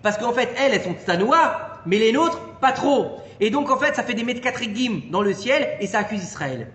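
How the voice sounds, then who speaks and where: A man giving an informal Torah lesson to a small group, animated and peppering his listeners with questions. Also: very high voice, normal speed. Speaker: Torah teacher. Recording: echoey room with long reverb and faint noise.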